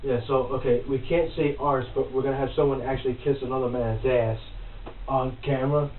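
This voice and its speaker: A man hosting a casual wrestling podcast, animated and quick to swear as he gets worked up. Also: mid-range voice. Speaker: podcast host. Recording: roomy, distant, phone-like, faint noise.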